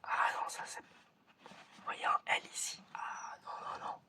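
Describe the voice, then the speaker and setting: Slowly, in a breathy, unvoiced whisper, a man plays an examiner in an ASMR roleplay. His patter is hesitant, repetitive and teasing.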